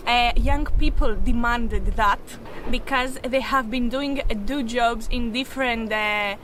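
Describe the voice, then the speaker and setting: A woman's voice: fairly high pitch, measured pace, noisy background. A woman, speaking frankly and sarcastically in a street interview on a city rooftop. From Greece. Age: 20s.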